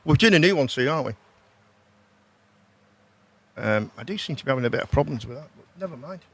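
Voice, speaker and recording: A man's voice: mid-range voice, expressive, fast, slightly rough. A British man hosting a casual livestream, chatting informally, repeating himself and often ending on tag questions. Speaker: host.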